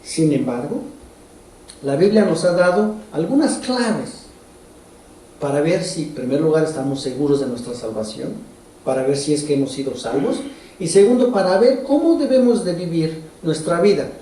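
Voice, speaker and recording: A man's voice: a little high, lively intonation, normal speed, dark tone, a little hiss or hum. A man preaching a sermon as pastor, in a conversational way, putting direct questions to the congregation. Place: church hall. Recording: roomy echo from far off.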